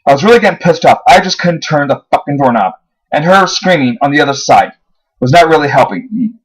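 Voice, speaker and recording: A man's voice: on the high side, sing-song, fairly quick, breathy edge, rough recording. A man reading his own first-person horror story aloud, his voice rising on the dramatic moments. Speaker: narrator.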